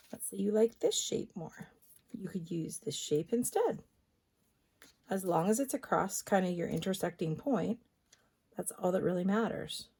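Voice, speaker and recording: A woman's voice: medium pitch, breathy edge. A woman demonstrating a card-making technique in a chatty tutorial, thinking aloud as she works. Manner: chatty, thinks aloud, drops into soft asides. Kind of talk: crafting tutorial.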